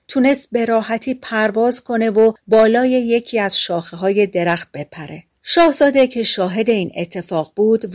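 A woman narrating a fairy tale for an audiobook in a measured, even storytelling voice. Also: mid-range voice.

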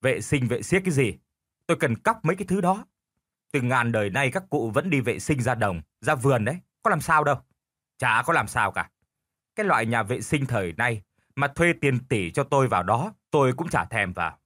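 A man's voice: mid-range voice, animated, fairly quick, a bit bright, no echo, studio quality. A man voicing a lazy, stubborn old village husband who argues back smugly. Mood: stubborn bickering. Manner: stubborn, quarrelsome.

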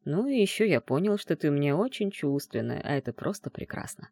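A tender, teasing male mage who murmurs low and close, confident and a little amused, as a woman reader puts him on. The voice sits below her own, dark and mellow, in a dry, close recording. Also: lively intonation, a little fast, no echo. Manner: soft, low, hushed murmur. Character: gentle teasing self-assured male mage.

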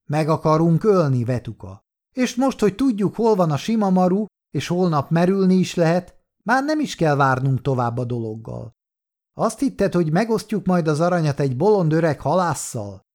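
A man reading an audiobook who voices a ruthless, armed gold-hunter with a sharp, threatening way of talking. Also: on the high side, lively intonation, close to an everyday voice. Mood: cold, threatening.

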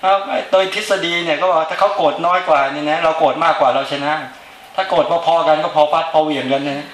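Male Buddhist monk, informal dharma talk, conversational and keeps checking that listeners agree, voice a touch higher than usual, roomy echo. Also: fairly even intonation, quick pace. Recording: roomy echo with faint ambience.

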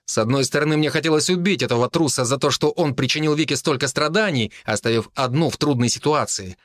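A man narrating a first-person audiobook in a steady, earnest storytelling manner. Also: medium pitch, fast talker, no room sound, studio quality.

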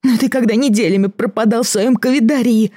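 Reader voicing a tearful, anxious woman of forty; pleading, husky, dry close sound. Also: fairly quick, dark tone, no room sound, natural voice. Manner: pleading, voice pitched up high. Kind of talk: audiobook reading.

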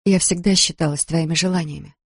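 A woman's voice: on the low side, steady tone, a little fast, slightly rough, no echo, clean studio sound. A reader voicing a tired, anxious mother, a doctor, who pleads with her son. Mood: pleading weary.

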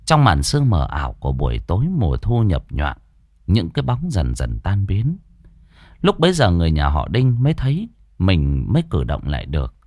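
Low, dramatic male storyteller. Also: wildly swooping pitch, moderate pace, darkish tone, dry recording, clean studio sound. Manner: dramatic, suspenseful. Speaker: narrator. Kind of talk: scripted ghost story narration.

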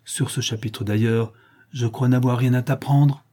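A man's voice: mid-range voice, fairly even intonation, a little slow, warm tone, natural voice. A man reading aloud and voicing an aristocratic older count, a genial uncle who speaks in a jovial, lightly teasing way. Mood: gentle.

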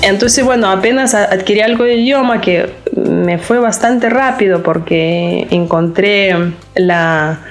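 In a relaxed interview with soft music playing underneath, a Lithuanian psychologist talks in a medium-pitched voice with her native accent. She pauses and gropes for words, frequently starting over.

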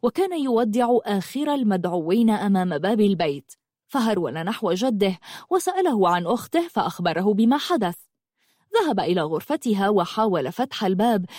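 A woman narrating an audiobook in an expressive, dramatic reading style. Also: mid-range voice, no room sound, studio quality. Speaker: storyteller.

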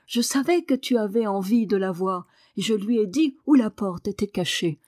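A woman's voice: medium pitch, animated, normal speed, darkish tone, no room sound, clean studio sound, close to an everyday voice. A woman reading aloud voices an eager, cheerful country boy who calls out his words. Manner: exclaiming eagerly.

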